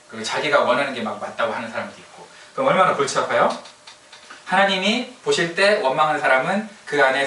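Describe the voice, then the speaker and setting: A man's voice: mid-range voice, sharp tone, slight background noise. A man preaching a casual sermon, teasing the congregation and asking them questions. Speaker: pastor. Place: church sanctuary. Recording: echoey church hall from a distance.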